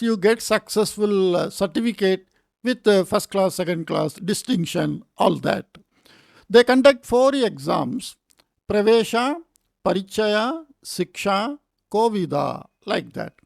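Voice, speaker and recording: An older man in his sixties lectures with a Kannada Indian accent. His voice sits high for a man and has a gravelly creak. He explains haltingly, pausing and adding small tag phrases, in a close, dry recording. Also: no room sound. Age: 60s. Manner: halting, with frequent pauses and repeated tag phrases.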